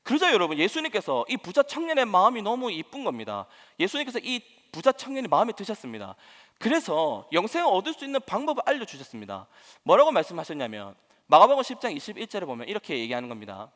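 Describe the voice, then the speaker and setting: A male pastor preaches to his congregation in an animated way, throwing out rhetorical questions and acting out the voices he quotes. His voice sits high and leaps all over in pitch. The sound carries a long reverb from the church sanctuary. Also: fast talker. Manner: acts out quoted voices with laughs. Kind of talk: sermon at a Wednesday service.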